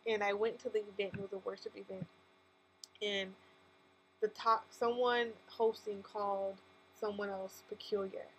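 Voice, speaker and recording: A faith-focused vlogger, a woman with a lisp, tells her personal story straight to camera in a candid, casual way, stressing her points and fixing her own wording mid-stream. Her pitch sits in the middle and she talks at an ordinary speed. The recording quality is poor, with constant mains hum and background noise.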